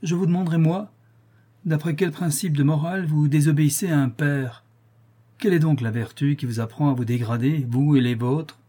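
A man's voice: a little high, moderate pace, dark tone, slightly rough, pitched above the performer's own voice. A man voicing an impassioned young noble. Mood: indignant. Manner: impassioned, indignant. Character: passionate young nobleman in love.

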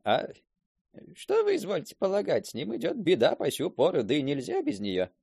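Old village chatterbox, husky, high and wildly sing-song. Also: male voice, dry recording, studio quality, exaggerated voice. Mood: gossiping. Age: older. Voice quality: husky and creaky. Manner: lively, quick to mimic others' voices. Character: talkative old village man spinning a yarn. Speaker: storyteller character. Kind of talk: radio play acting.

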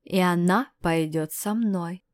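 A woman voicing a brash, menacing male stranger who mocks and threatens, loud and leering. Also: lowish voice, slow pace, dry recording. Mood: sneering.

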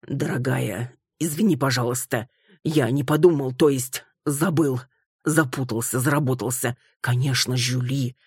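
A woman voicing a husband who makes soft, pleading excuses to calm his angry wife. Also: very deep voice, measured pace, slightly rough, no room sound, clean studio sound, full character voice. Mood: placating. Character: evasive husband, man, placating.

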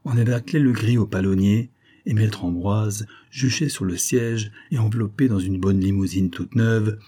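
A man reading a classic novel aloud as an audiobook narrator, in a steady, measured way. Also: lowish voice, breathy edge.

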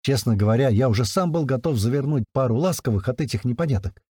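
A man's voice: medium pitch, fast, husky, dry recording. A man narrating an audiobook in the first person, in a colloquial storytelling manner. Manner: colloquial storytelling with lively intonation.

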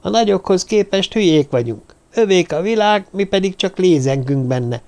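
A man voicing a sulky, angry dwarf who hisses and squeaks, in an audiobook. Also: expressive, darkish tone. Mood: bitter. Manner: hissing, squeaky. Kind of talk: audiobook character voice.

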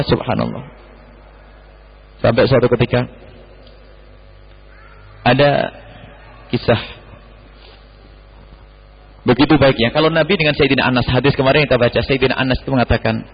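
A man preaching a sermon, dropping to low murmurs and jumping to high exclamations as he acts out dialogue. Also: husky. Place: large mosque hall. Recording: muffled hall recording with long reverb.

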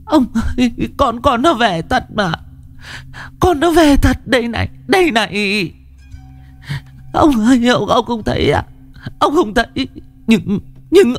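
Guy putting on a high sobbing mom voice, wailing for her kid, music under it. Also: sing-song, measured pace, pauses often, heavily acted. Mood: wailing grief. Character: grieving middle-aged village mother, wailing.

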